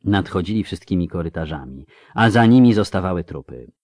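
A man narrating a fantasy audiobook in a measured, dramatic way, slowing down for effect on key phrases. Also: sits low, expressive, a little mellow, no echo, studio quality.

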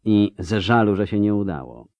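A low-pitched man reads an audiobook aloud with a dramatic, varied delivery. The recording is dry and close, with no room around his voice. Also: expressive, moderate pace, mellow, no echo, muffled recording. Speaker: audiobook narrator.

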